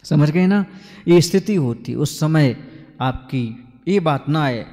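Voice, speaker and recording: A man's voice: a little high, expressive, takes it slowly, dark tone. A man who is a Jain monk, giving a sermon on scripture, asking his listeners questions and reciting rhyming couplets. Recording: long hall reverb.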